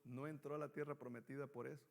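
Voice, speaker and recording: A man's voice: medium pitch, level tone, quick pace, gravelly. A man teaching a Bible study class, reading scripture aloud and putting questions to his students.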